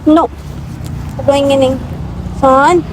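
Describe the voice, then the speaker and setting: Young female vlogger, high voice, pleading and soothing, light road noise in the background. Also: steady tone, takes it slowly, low-quality recording. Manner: pleading, soothing, repeats words. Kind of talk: emotional staged vlog conversation.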